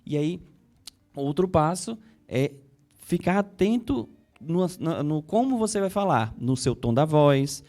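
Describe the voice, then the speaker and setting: A man's voice: fairly high pitch, expressive, takes it slowly, mellow. A man with a Brazilian Portuguese accent, a psychologist explaining things in an interview, often repeating words as he thinks and acting out inner thoughts. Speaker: psychologist guest. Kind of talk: conversational interview.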